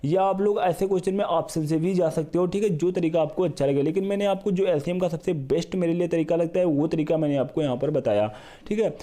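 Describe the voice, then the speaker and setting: A man's voice: fairly high pitch, fast talker, mellow. A male math teacher giving a step-by-step exam-prep lesson, repeating each step and talking to viewers like a brother. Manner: repetitive, step-by-step explaining, addresses viewers as brother.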